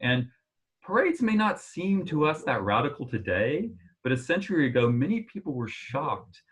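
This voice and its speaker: At a moderate pace, a breathy-edged male voice delivers a relaxed, conversational history lecture with illustrations. Sudden pitch jumps add emphasis, and "uh" fillers crop up frequently.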